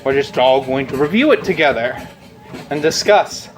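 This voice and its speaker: A man's voice: mid-range voice, animated, normal speed. A young man chatting casually and bluntly while walking on a treadmill, rambling and swearing freely as a video blogger. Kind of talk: casual unscripted chat to camera.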